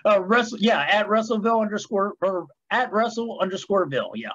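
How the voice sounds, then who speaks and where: A man's voice: high-pitched, animated, brisk, a bit bright, dull audio. A man in his fifties, an author guest, telling stories in a folksy, easygoing way with hesitant fillers. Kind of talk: casual interview chat.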